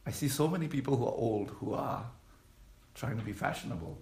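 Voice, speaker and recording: A man's voice: medium pitch, lively intonation, brisk, vocal fry, a little mellow, reverberant. A man, preaching a sermon as pastor in a conversational way and putting questions to the congregation. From Malaysia. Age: 50s. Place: church.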